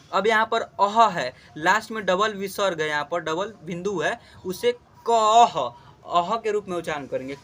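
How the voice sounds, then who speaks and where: A man's voice: high voice, pushed and bright. A man teaching the Hindi alphabet to children, explaining patiently and chanting syllables aloud for practice.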